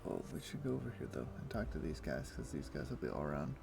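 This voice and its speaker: This man has a gravelly bass voice and talks fast in a sing-song way as he streams a video game, chatting casually and thinking aloud full of fillers. Soft game music plays faintly in the background.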